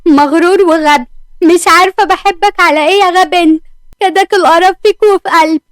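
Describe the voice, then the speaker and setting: A woman's voice: sits high, steady tone, quick pace, clean tone, dry recording, lightly acted. A woman playing a proud, stubborn young Egyptian wife. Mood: sulky. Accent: Egyptian Arabic. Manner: indignant, sulky.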